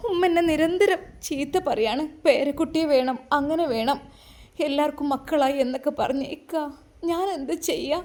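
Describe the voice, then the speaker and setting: A heartbroken young wife speaks in a Malappuram accent, high and plaintive, as a woman reads her. She sounds meek and close to tears. The voice belongs to a homemade family story drama. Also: normal speed, a little mellow, close to an everyday voice. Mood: tearful. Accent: Malappuram Malayalam. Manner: plaintive and tearful. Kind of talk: amateur story drama reading.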